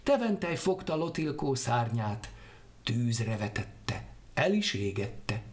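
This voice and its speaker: Male storyteller, animated pitch, expressive folk tale reading. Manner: lively, expressive. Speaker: narrator.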